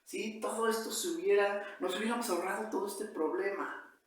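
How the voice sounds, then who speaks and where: A sorrowful, reproachful woman pleading in a lifted pitch, as a preacher puts her on. Heavy echo surrounds the voice. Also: fairly even intonation, a little fast, recorded from a distance, natural voice. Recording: echoey church hall.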